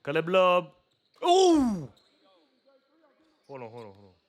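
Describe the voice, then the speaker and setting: A young man giving casual live reaction commentary to basketball footage, slangy and chatty, breaking into loud excited exclamations. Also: fairly high pitch, quick pace.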